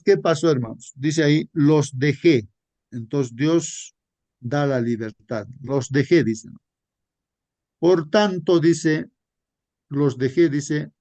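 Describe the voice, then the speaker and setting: A man teaching a Sabbath school Bible study at a very unhurried pace. He repeats his points and keeps turning to his listeners as brothers. The recording is dry, with little room sound. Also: medium pitch, a little mellow, no room sound. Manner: slow, repetitive, addresses listeners as brothers.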